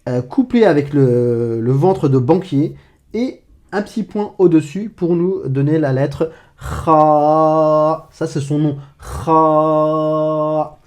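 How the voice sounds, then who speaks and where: A man's voice: fairly high pitch, animated, dark tone. A man teaching the Arabic alphabet in a casual online lesson, speaking informally to the viewer and often correcting himself. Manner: demonstrates throaty sounds slowly and repeats them.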